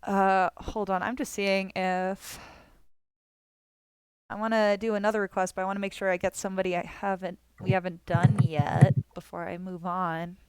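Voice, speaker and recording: A woman's voice: medium pitch, flat delivery, moderate pace, a little mellow, smooth, no echo. A woman streamer chatting casually and rambling while she draws requests, laughing often and swearing offhand. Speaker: streamer drawing viewer requests. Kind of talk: casual live-stream chat.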